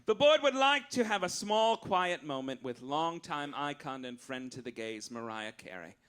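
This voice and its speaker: A comedian emcees a live show at a cabaret venue, reading mock-official announcements to the audience in a satirical stand-up monologue. His voice is fairly high, clear and resonant, fairly bright and animated at normal speed, with a campy, arch, theatrical flair.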